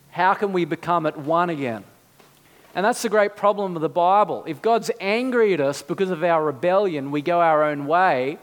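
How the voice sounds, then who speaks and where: Male preacher, high smooth voice, earnest sermon with fervent slowed emphasis, long hall echo. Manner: earnest, rising to fervent emphasis with slow stressed words.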